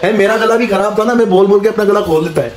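Teasing lahori guy, phone vlog, loud crowd noise behind. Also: high voice, fast talker. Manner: joking, chatty, teasing. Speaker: vlogger. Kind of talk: casual vlog chat. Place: on the street and at a family home.

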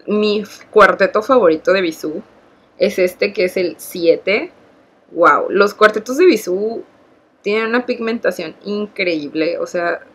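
A young woman with a Mexican accent reviewing makeup products in a casual, enthusiastic vlog, often repeating words for emphasis. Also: on the low side. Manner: enthusiastic, gushing, repeats "muy, muy". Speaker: beauty vlogger.

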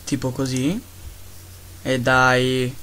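A man giving casual, excitable gameplay commentary, talking to his pets and grumbling at lag. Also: mid-range voice, extremely slow. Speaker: Minecraft let's-player.

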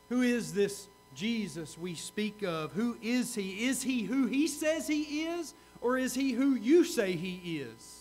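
Man, high voice, pastor, sermon, earnest, repeats his questions. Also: slight background noise. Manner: earnest, repeats key questions, swings from loud to hushed.

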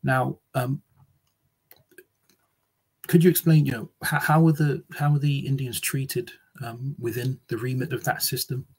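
A man's voice: medium pitch, level tone, unhurried, husky, rough recording. A man hosting an interview over a video call, hesitant with many fillers and restarts. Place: small indoor room. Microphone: video call webcam.

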